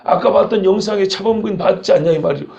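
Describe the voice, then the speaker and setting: A man's voice: high voice, fast, vocal fry, dark tone, highs cut off, a little hiss or hum. A middle-aged man preaching a sermon as pastor, earnest and emphatic, asking his listeners rhetorical questions.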